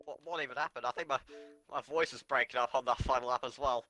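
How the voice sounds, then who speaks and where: A man co-commentating an online racing league, still out of breath and lost for words. His voice is bright and forward. He talks in halting, repeated phrases. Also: mid-range voice, steady tone, soft background music. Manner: stunned, halting, out of breath after the race. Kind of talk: post-race esports commentary.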